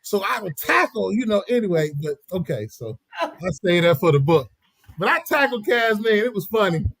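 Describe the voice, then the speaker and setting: A middle-aged man tells stories on a podcast. His voice sits a bit high for a man and comes across lively. The recording is close and dry, with no room sound. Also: normal speed, vocal fry, husky, dry recording. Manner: animated, laughing, slips into quoted voices. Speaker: podcast host. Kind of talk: casual storytelling chat.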